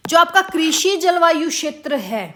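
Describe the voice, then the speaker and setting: High-voiced woman teacher drilling facts. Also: lively intonation, a bit bright. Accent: Haryanvi-tinged Hindi. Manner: repeats questions slowly, drills facts; addresses students as beta. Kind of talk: exam-prep lesson.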